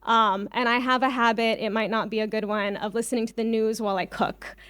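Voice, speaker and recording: An Israeli woman who spent her early childhood on a kibbutz, now a farmer cooperative leader, speaks as an invited conference guest. Her informal presentation is conversational, full of ums and personal asides. She talks briskly in a fairly high, level, slightly bright voice that sounds clear and resonant, with no echo.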